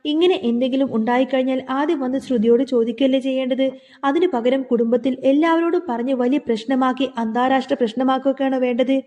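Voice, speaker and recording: A quick-tempered, domineering mother-in-law from a television serial, scolding as she speaks, with a woman narrator reading her part. The voice is high and soft-toned, and the delivery is plain. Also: fairly even intonation, in a large hall, close to an everyday voice.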